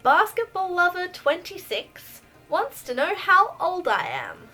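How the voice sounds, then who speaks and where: A bubbly Australian woman in her thirties with a bright, high voice chats her way through a casual question-and-answer vlog. She giggles often and sounds close to the camera, with soft music playing under her. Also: wildly swooping pitch, measured pace. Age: 30s. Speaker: vlogger. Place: bedroom full of plush toys, indoors.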